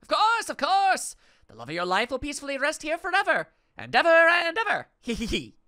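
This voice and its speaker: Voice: high voice, wildly swooping pitch, a little fast, bright, forceful tone, pitched above the performer's own voice, heavily acted. A video game player voicing a crazy old male herbalist, feigning madness with giggles and doubled phrases. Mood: manic glee. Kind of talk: reading video game dialogue in character.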